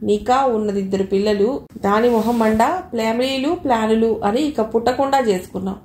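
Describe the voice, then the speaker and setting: A woman's voice: fairly high pitch, fairly even intonation, a little fast, a little mellow, slight background noise, close to an everyday voice. A woman voicing a nagging elderly mother-in-law who grumbles and scolds, in a storybook reading. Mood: scolding. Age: older. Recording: echoey room, faint ambience.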